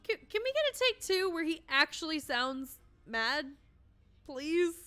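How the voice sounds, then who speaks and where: Animated joking woman streamer. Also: high voice, measured pace. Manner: joking, animated, chatting with viewers. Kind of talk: casual gameplay commentary.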